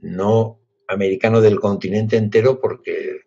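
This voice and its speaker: Joining by laptop webcam from his home library, the Basque guest author, a Spaniard in his sixties, reflects haltingly with frequent restarts. He has a lowish, steady, dark voice with vocal fry and a breathy edge, and the call audio sounds dull and lo-fi.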